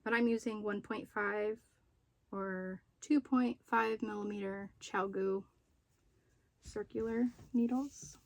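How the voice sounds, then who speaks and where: A woman's voice: medium pitch, fairly even intonation, slow, vocal fry, dry recording. A woman chatting casually in a home video as she shows off her craft projects. She rambles a little and stops to remember details. She sounds slightly out of breath after being ill. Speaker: crochet and knitting vlogger. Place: room at home with poor lighting.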